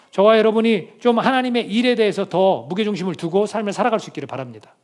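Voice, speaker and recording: A man preaching a sermon as pastor. He asks the congregation questions, reads scripture aloud with them, and acts out quoted speech in dramatic bursts. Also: sits high.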